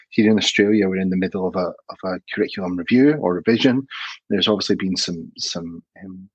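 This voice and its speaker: A man's voice: low voice, slightly rough, dry recording, dull audio. A middle-aged man from Scotland with a Glasgow accent, talking conversationally as a guest on a podcast interview. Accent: Scottish, Glasgow. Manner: conversational, restarts with fillers. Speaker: guest, association CEO.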